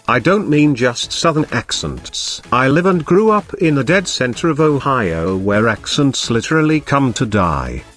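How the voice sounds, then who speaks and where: Male narrator, mid-range voice, even unhurried comment reading, faint music bed. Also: mid-range voice.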